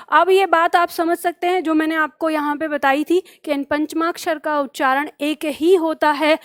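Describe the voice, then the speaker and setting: High-voiced woman teaching a class. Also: no echo, studio quality. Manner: explains step by step, drills sounds aloud with the class; asks the students questions and answers them herself. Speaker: Hindi teacher. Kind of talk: online exam-prep lesson.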